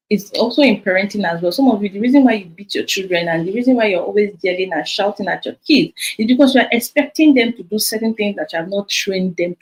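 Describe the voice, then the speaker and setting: Energetic Nigerian woman coaching her team. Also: medium pitch, rough recording. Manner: animated, repeats key points, drops in Pidgin. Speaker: business coach. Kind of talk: motivational talk to her sales team. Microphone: phone.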